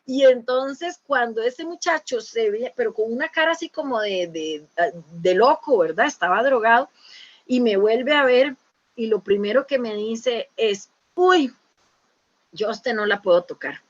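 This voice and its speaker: Fairly high-pitched, animated, and unhurried, a woman from Costa Rica with a Costa Rican Spanish accent tells her testimony to a church conference. She's earnest but restarts often and uses many fillers, and the recording's highs are cut off.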